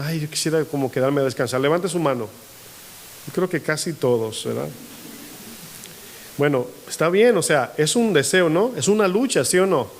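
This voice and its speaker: A male pastor preaching a sermon. He keeps asking his congregation questions and acts out quoted voices in a rising tone. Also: fairly high pitch. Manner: asks the congregation frequent call-and-response questions. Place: church hall.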